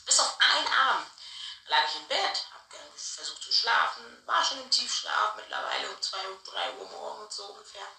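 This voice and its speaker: A woman chats animatedly through a personal story and laughs often. Her voice is sharp and tense, and it sounds roomy and a little off-mic. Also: on the high side, distant mic. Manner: chatty, animated, laughs often, tag questions. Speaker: vlogger telling a personal story. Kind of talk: casual storytime chat.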